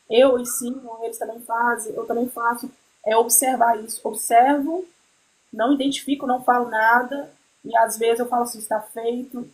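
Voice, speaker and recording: A woman's voice: on the high side, a little mellow, low-quality recording. A woman hosting a casual conversation, telling stories animatedly and often checking in with her listener. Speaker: host.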